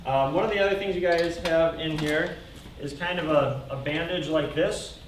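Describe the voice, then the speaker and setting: Echoey, higher-pitched man teaching first aid. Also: moderate pace. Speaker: first-aid class instructor, firefighter. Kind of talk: informal hands-on class demonstration. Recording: echoey room, distant mic, faint noise.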